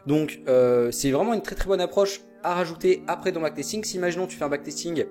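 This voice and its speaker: A young man explains trading to the viewer in a loose, chatty way, full of fillers and repeated emphasis. His voice sits a bit high for a man and he talks at a brisk clip. Soft music plays underneath. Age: young adult. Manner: informal, direct, repeats "vraiment" and many fillers. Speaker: trading educator. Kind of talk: casual spoken lesson.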